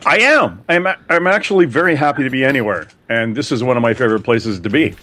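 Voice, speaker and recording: A man's voice: mid-range voice, animated, fast, pushed and bright. A man, a guest on a radio panel, easygoing and self-deprecating. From Canada. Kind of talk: casual chat.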